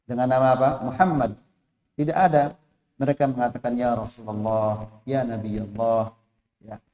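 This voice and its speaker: Indonesian preacher in an echoey mosque. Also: male voice, on the high side, dark tone. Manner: storytelling with Arabic quotations, voicing the figures in a raised voice. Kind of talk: sermon.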